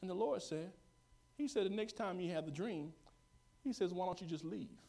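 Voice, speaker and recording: Animated high-voiced preaching man. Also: moderate pace, gravelly. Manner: animated preaching, drops to hushed tones, calls for amens. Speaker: pastor. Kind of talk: sermon.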